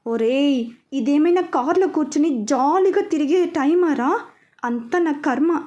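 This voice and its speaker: A woman's voice: sits high, animated, measured pace, darkish tone, lo-fi sound. Woman voicing Siddhu, exasperated young man. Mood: impatient.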